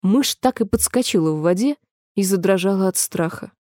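A woman narrating a storybook in a measured, gentle reading voice. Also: mid-range voice, lively intonation, no echo, clean studio sound.

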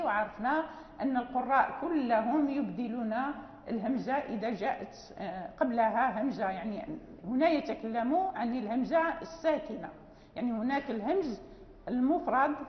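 High-voiced woman teacher in an echoey hall. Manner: explains patiently, repeats words, many fillers. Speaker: teacher of Quran recitation. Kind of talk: classroom lecture. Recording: echoey hall, dull lo-fi sound.

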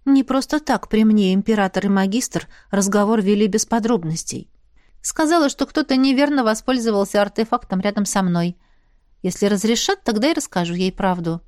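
A woman reading a first-person fantasy audiobook in a steady, even storytelling voice. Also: mid-range voice, normal speed, dry recording, clean studio sound. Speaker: audiobook reader.

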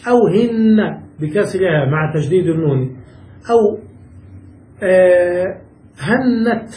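Man, grammar teacher, lecturing, high-pitched voice, heard from a distance, roomy echo. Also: lively intonation, warm tone. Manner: explains slowly, quotes verses and checks understanding. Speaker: sheikh teaching Arabic grammar. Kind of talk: classroom lecture. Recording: echoey room, voice from afar.

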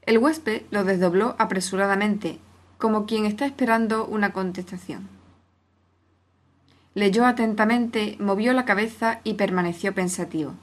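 A woman narrating a classic story aloud in a steady, clear reading voice. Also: medium pitch, normal speed.

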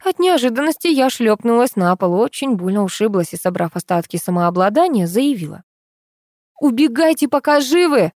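A woman reading a first-person novel aloud, animated and quick to leap up in pitch when her character exclaims. Her voice sits at an ordinary middle pitch. The studio sound is dry and close, with no room echo. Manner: lively, jumps up in pitch for exclaimed lines. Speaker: audiobook narrator.

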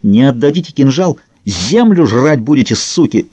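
A man's voice: very animated, normal speed, breathy edge, dry recording. A man doing a frantic hysterical young guy. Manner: shrill, yelling.

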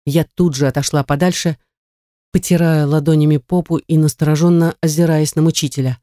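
An audiobook narrator reading a first-person story in a steady, measured way. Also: mid-range voice, no room sound, clean studio sound.

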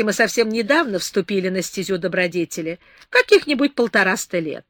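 A woman's voice: a little high, fairly bright tone, no room sound, clean studio sound. A woman voicing a capricious, tipsy young woman in an audiobook, whimsical and dreamy. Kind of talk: audiobook character reading.

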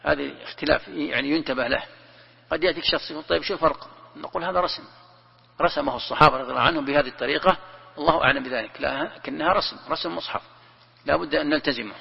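A man, a sheikh, giving a classroom commentary lesson, who repeats his phrases and recites verses slowly and deliberately. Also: on the high side, gravelly, slightly rough. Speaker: sheikh teaching Quran commentary. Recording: long hall reverb, dull lo-fi sound.

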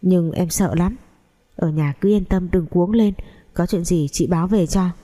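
A woman's voice: on the low side, measured pace, mellow. A woman voicing a worried young woman, an older sister who talks in an anxious, pleading way.

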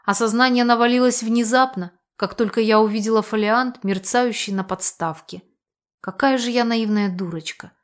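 A woman reading a first-person novel aloud as audiobook narration. Her voice sits somewhat high, and she reads expressively, leaning into the feeling of each passage. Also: normal speed.

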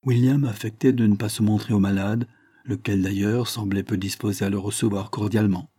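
A man reading a classic novel aloud as a measured, formal audiobook narration on a close mic. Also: lowish voice, fairly even intonation, dark tone, husky. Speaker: audiobook reader. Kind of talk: scripted narration.

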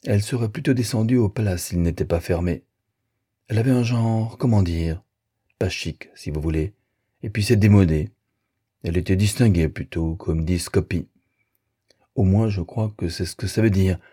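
A man's voice: low-pitched, normal speed, dark tone, slightly rough, no room sound, studio quality. A man voicing a pert, fashion-minded girl who talks in a sniffy, condescending way. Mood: disdainful.

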